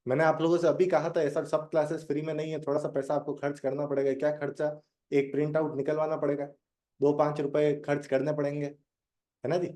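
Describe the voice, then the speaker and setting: A man's voice: fairly high pitch, darkish tone. A young man teaching a live online drawing lesson, chatting with his students and joking as he guides them step by step. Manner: chatty, addresses students directly and jokes.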